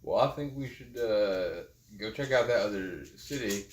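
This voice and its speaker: A man's voice: lowish voice, expressive, normal speed. A man player chatting at a tabletop game table, rambling with restarts and fillers. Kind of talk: casual table chat. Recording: roomy echo, faint background noise.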